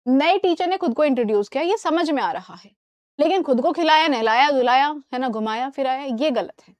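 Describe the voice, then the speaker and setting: A woman English teacher giving a live online class, explaining in Hindi and reading English examples slowly, often checking that students follow. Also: high-pitched, animated, no echo. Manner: asks students questions and checks understanding.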